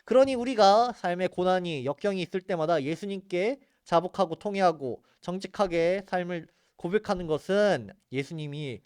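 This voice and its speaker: A man's voice: on the high side, darkish tone, clean tone, no room sound, clean studio sound. A man teaching a church Bible geography class in an earnest, explanatory way. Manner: earnest, explanatory, points at maps and photos.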